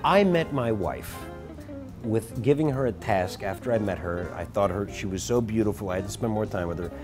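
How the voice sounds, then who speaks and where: A man as interview guest, telling stories in an animated way with frequent restarts. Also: on the low side, moderate pace, music in the background. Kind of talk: casual chat, storytelling.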